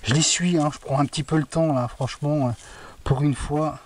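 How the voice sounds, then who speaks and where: Out by woods near a castle, a fairly high-pitched man metal detects and chats to his viewers live on camera. Quick to let out delighted exclamations, he keeps tacking "hein" onto his talk, heard through a distant outdoor mic with faint noise.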